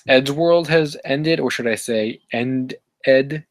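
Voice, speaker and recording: A man's voice: a little high, measured pace, dry recording. A man hosting a casual live stream, reading chat and rambling with many fillers and self-corrections. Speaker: livestream host reading chat.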